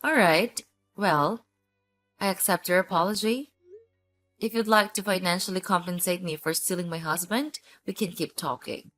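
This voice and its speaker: A woman's voice: on the low side, moderate pace, fairly bright tone, faint music behind, natural voice. A woman acting a cool, sarcastic betrayed ex-wife in a scripted story, speaking in a cold, curt, dry manner. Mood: dry sarcasm.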